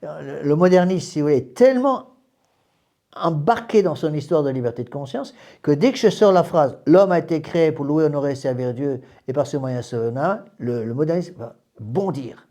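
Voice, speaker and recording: A man's voice: a little high, animated, a little fast, mellow. A man, a priest, giving a doctrinal class to a small group in an emphatic way, often repeating words and restarting phrases.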